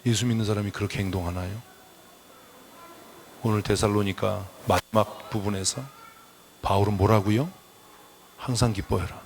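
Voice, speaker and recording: A man's voice: lowish voice, slight background noise. A male pastor preaching a Sunday sermon in a church, blunt and scolding, calling on the congregation to answer amen. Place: church sanctuary.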